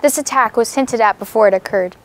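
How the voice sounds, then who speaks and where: Higher-pitched teenage female mock newscast co-anchor. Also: fairly quick. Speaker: student news co-anchor. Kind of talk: mock newscast read from a script.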